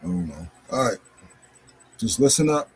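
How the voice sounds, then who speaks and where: A man's voice: on the low side, very animated, moderate pace, slightly rough, low-quality recording. A man out of breath, rambling casually in a hot place and talking to a small animal between thoughts. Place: hot spot near outdoors.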